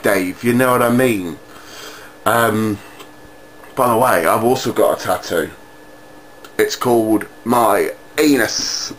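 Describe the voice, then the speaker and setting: A man's voice: lowish voice, slight background noise, poor audio. A man ranting to camera in a brash, rambling way, full of street slang. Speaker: vlogger. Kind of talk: comic rant to camera.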